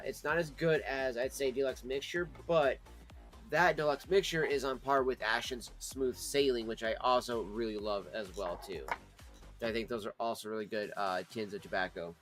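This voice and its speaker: Male livestream host, medium-pitched, casual and chatty with a rambling, informal delivery over faint music. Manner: informal, rambling, addresses chat as friends. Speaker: livestream host reviewing pipe tobacco.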